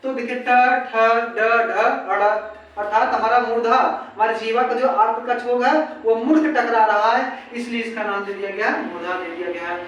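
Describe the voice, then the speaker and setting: A woman's voice: a little high, fairly even intonation, a little fast, hardly any pauses, a little hiss or hum. A woman teaching an exam-prep grammar lesson who keeps asking rhetorical questions, repeats herself and sounds out letters one by one. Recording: very echoey room, far from mic.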